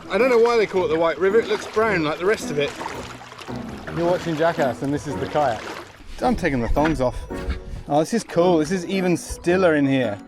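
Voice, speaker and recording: Male Australian travel host, fairly high register, dry jokey delivery, over prominent music. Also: brisk. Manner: wry, jokey, understated. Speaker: travel show presenter. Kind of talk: travel vlog narration and casual on-camera chat.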